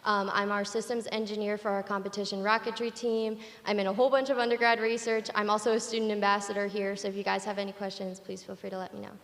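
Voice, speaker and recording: A young woman from Colorado, an engineering student, introducing herself briskly. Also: mid-range voice, level tone, a bit bright, slight background noise. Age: young adult. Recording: reverberant hall.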